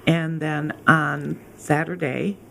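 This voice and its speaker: Creaky-voiced woman giving event details. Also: low voice, steady tone, slow, fairly bright tone, slight background noise. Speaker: festival organiser guest. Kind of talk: informational radio interview.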